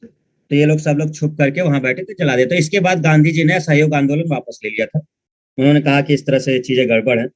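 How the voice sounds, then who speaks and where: A man's voice: fairly high pitch, fast, dry recording. A male history teacher giving an online lecture, talking informally and scolding his students as he explains. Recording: dull, dry, muffled sound.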